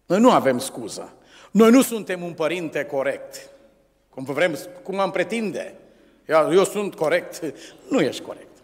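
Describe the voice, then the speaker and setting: A middle-aged man with a Romanian accent, a pastor delivering a sermon with emphatic exclamations and hushed storytelling. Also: on the high side, very animated, long reverb tail.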